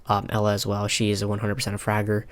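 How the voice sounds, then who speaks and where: A young man calmly talking over a replay of his own ranked match, pausing often with filler ums. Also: on the low side. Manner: halting, many filler ums, calm and analytical. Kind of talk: casual gameplay commentary. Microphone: console headset mic.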